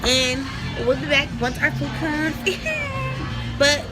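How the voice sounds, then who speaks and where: A woman vlogging in a giggly, slangy, chatty way, with loud music and crowd noise behind her. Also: high voice, steady tone, unhurried. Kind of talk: casual vlog chat.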